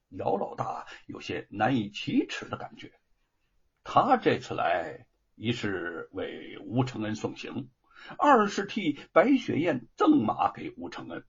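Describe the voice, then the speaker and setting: Husky male storyteller, sweeping delivery. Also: a little high. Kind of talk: scripted story narration. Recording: dull lo-fi recording.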